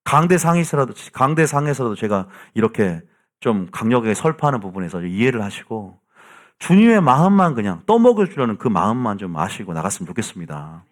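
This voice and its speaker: A male pastor preaching a sermon from the pulpit, shifting from soft asides to loud, emphatic calls to the congregation. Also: lowish voice, animated, quick pace. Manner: asks the congregation "믿습니까?" again and again. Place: church sanctuary, from the pulpit.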